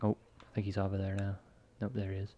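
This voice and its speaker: Excitable laughing gaming co-host man. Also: deep voice, fast, dull audio, slight background noise. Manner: excitable, laughs often, backseat directing. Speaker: let's play co-host. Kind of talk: casual gaming commentary.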